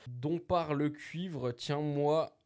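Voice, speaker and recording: A man's voice: fairly high pitch, drawn-out words, darkish tone. A young man co-hosting a casual podcast, enthusiastic and swearing casually. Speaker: podcast co-host.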